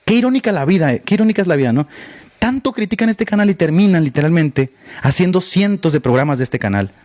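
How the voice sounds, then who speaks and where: Speaking fast and expressively, this male livestream podcast host has a fairly high, slightly mellow voice recorded without echo. In a blunt, sarcastic monologue he targets one critic, repeatedly addressing him by name.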